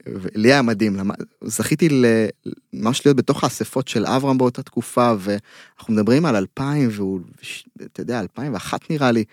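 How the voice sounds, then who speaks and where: A middle-aged man with an Israeli accent, a mental coach giving earnest, emphatic motivational talk in an interview, pausing mid-phrase. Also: medium pitch, dry recording, studio quality. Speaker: mental coach, podcast guest.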